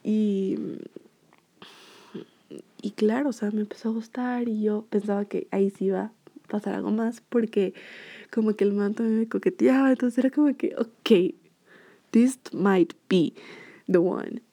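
A woman's voice: medium pitch, fairly even intonation, normal speed, gravelly, pauses often, dark tone. A young woman telling a personal story to her viewers in a casual, rambling way, full of fillers. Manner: chatty, rambling, lots of fillers. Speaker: vlogger.

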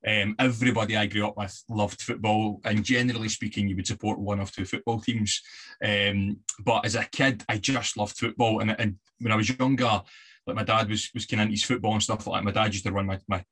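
A Scotsman from the west, appearing as a podcast guest, speaks a little fast in a lowish, steady voice that's a bit bright and slightly rough. He chats easily, telling stories with fillers and laughs.

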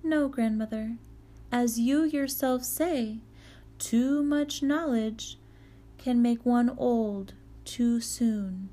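A timid young girl with a raised, pleading voice, put on by a woman storyteller. She asks everything gently and politely, worried but courteous. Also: a little high, very slow, voice pushed up.

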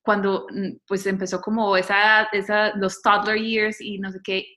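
A woman talking thoughtfully in casual conversation, with frequent fillers and lively quoting of others. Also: mid-range voice, unhurried.

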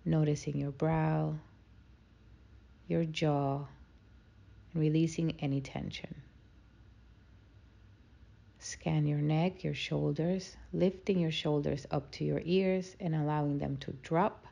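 A woman leading a guided meditation in a slow, soothing, calming manner. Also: low-pitched, gravelly, highs cut off.

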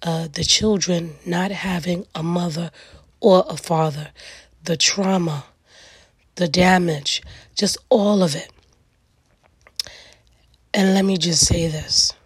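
A middle-aged woman with a raspy, gravelly voice hosts a solo reflective talk, speaking earnestly and emphatically in weighty repeated phrases. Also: fairly low pitch, fairly even intonation, slow pace, pauses often, dry recording, studio quality. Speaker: podcast host.

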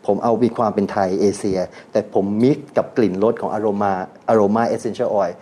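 Dark-voiced Thai man telling brand stories. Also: on the low side, measured pace. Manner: animated storytelling, mixing English terms, laughs. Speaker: guest brand owner. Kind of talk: radio talk show conversation.

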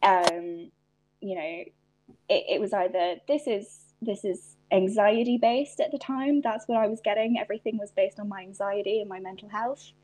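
A young woman with an Irish accent talks as a podcast guest. She is reflective and unhurried, and often restarts a thought before finishing it. Her voice sits at an ordinary middle pitch. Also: steady tone, darkish tone, rough recording. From Ireland. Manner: reflective, frequent restarts and fillers. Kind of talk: casual interview chat.

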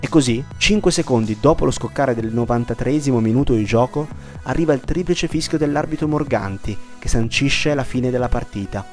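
A man's voice: medium pitch, a little fast, a little mellow, faint music behind. A man narrating a scripted football story in a dramatic, literary manner.

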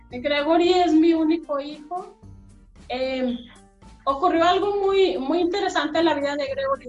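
A Mexican woman telling her life story earnestly as an interview guest, heard over a remote call. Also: sits high. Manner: earnest, emotional retelling. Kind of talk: personal storytelling. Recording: echoey, dull remote call audio.

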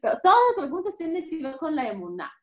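A woman gives a spoken religious lesson in a high, bright voice. Her pitch swings widely as she asks questions and answers them herself. Now and then she acts out everyday speakers. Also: very animated, fast. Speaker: religious teacher; mother.

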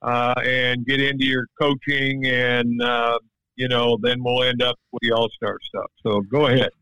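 A man hosting a podcast interview in a relaxed, halting way, with frequent fillers. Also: mid-range voice, clean tone, no room sound, rough recording. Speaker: podcast host. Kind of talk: casual interview.

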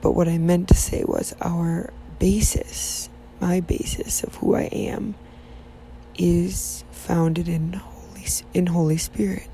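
A woman hosting a casual faith podcast, sleepy and yawning, talking softly in a half-whisper and rambling with restarts. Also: fairly low pitch, level tone, slow, creaky, rough recording. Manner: soft, half-whispered talk while her child sleeps; rambling, with many restarts and fillers. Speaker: podcast host.

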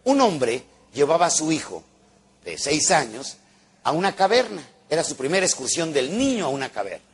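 A man's voice: fairly high pitch, very animated, normal speed, husky. A man giving a motivational talk to a live audience, a theatrical, joking storyteller who acts out voices and sounds. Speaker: motivational speaker.

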